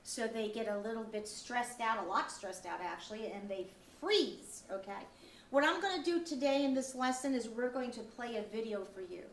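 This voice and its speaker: A woman's voice: on the high side, moderate pace. A woman teacher giving an earnest, upbeat school lecture to children, asking questions and repeating their answers. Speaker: teacher leading a school lesson. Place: echoey school room. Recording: roomy, distant mic, faint background noise.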